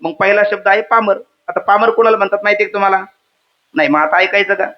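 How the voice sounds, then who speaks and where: A man's voice: sits high, quick pace. A man giving a devotional kirtan sermon, quizzing the audience, reciting verses and joking with them. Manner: interactive, quizzes the audience and asks them to repeat words; humorous asides. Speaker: kirtan preacher. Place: hall with a live audience. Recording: dull lo-fi sound.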